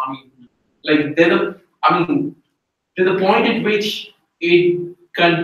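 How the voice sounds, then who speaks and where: A man's voice: a little high, a bit bright. A man in an informal group discussion, thinking aloud in a conversational way. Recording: very echoey room, distant mic.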